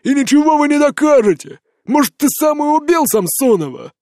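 A man's voice: on the high side, animated, unhurried, no echo, studio quality. Man putting on a slurring drunk, mocking man. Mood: furious shouting. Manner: slurred drawling, jeering and shouting. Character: drunk bitter middle-aged man, mocking and volatile.

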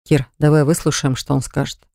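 A woman doing a wary, calm grown man. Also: deep voice, fairly quick, vocal fry, dry recording, studio quality. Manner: squinting, conciliatory. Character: wary, conciliatory grown man, middle brother.

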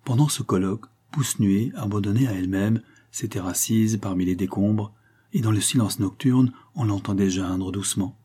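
A man narrating a novel in a measured, dramatic way. His voice is low and dark, with a very husky, breathy texture. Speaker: audiobook reader. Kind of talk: scripted literary narration.

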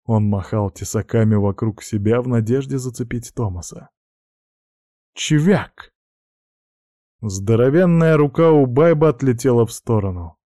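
A man narrating fantasy fiction as an audiobook in a steady, even storytelling voice. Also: mid-range voice, normal speed, hardly any pauses, dry recording, clean studio sound. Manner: steady, even storytelling with dramatic sound words.

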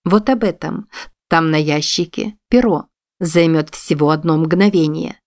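A woman voicing a cold, composed woman in an audiobook, speaking low and steady. Her calm, measured menace never rises. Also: no room sound, clean studio sound. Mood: cool. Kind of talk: audiobook reading.

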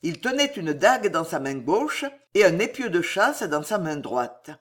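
An audiobook reader with a medium-pitched voice narrates a dramatic historical novel, slow and expressive in storytelling manner.

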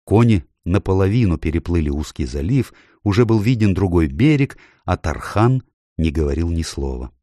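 Low-voiced expressive male story reader. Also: moderate pace, no echo, clean studio sound. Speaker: narrator. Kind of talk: audiobook reading.

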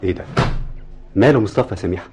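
A man's voice: on the low side, racing, very noisy, natural voice. An actor with an Egyptian accent playing a father questioning his son's sudden departure in a radio drama. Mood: probing. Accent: Egyptian Arabic. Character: concerned middle-aged father.

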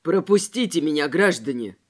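A woman's voice: fairly low pitch, animated, normal speed, pitched below the performer's own voice, natural voice. A woman voicing a polite young male deputy, earnest and pleading, in an audiobook.

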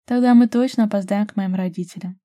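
A woman voicing a playful, teasing young woman in love, speaking high and loud in an audiobook. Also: fast, no echo, lightly acted. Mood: eager.

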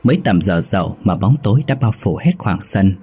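Deep-voiced man narrating a ghost story. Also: lively intonation, moderate pace, dark tone, breathy edge. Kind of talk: scripted horror narration.

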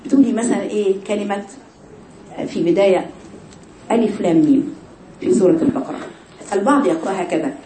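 In a reverberant room with background noise, a woman with an Egyptian Arabic accent gives a tajweed lesson to a class of women. Her medium-pitched voice moves quickly but leaves long pauses as she poses rhetorical questions and demonstrates recitation mistakes aloud.

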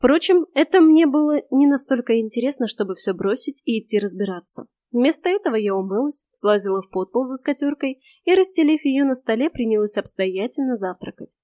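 A woman reads a first-person audiobook with dry, sardonic timing. Her voice sits fairly high. The recording is close and dead, with no room sound. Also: lively intonation, a little fast, few pauses, warm tone, dry recording. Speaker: audiobook narrator.

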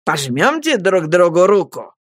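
Woman doing a smooth, sinister gentleman. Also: on the low side, big pitch swings, unhurried, dry recording, clean studio sound. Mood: smooth, jovial. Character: suave, sinister gentleman suitor. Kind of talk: audiobook character voice.

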